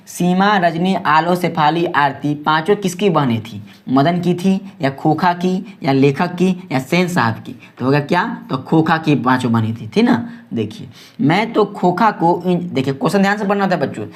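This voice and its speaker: A man with a Bihari Hindi accent tutors students through a class ten exam quiz. He talks fast and keeps repeating check-in questions after each answer. It sounds like a close voice-over. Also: a little high, expressive. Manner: quick, repetitive, keeps asking "ठीक है?". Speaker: teacher.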